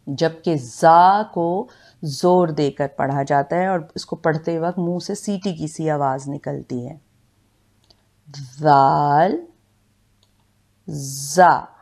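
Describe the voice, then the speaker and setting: A woman with a Pakistani Urdu accent, teaching Quran recitation and pronunciation with patient, drawn-out syllable drills. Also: deep voice, gravelly, a little mellow. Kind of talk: slow step-by-step pronunciation lesson.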